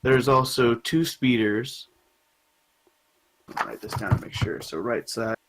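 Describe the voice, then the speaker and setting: A young man runs a tabletop game in a loose, halting way, full of fillers. His voice sits at a middle pitch. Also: background noise. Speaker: game master.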